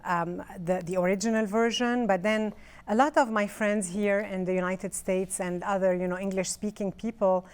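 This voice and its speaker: A middle-aged Lebanese author whose first language is French chats in a casual interview, hesitating, restarting often and using fillers. Her mid-range voice is smooth, with fairly even intonation at a moderate pace.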